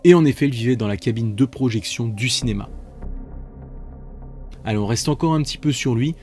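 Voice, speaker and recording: A man's voice: medium pitch, a little fast, a little mellow, faint music behind. A man hosting a multiple-choice quiz, reading out questions and options with playful, chatty asides. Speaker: quiz host.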